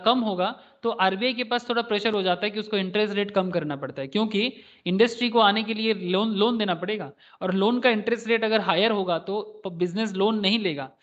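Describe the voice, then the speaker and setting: High-voiced man teaching a lo-fi class. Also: a bit bright. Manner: rambling, addresses students as sir, asks rhetorical questions. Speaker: stock market teacher. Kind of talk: online class lecture. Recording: dull lo-fi audio.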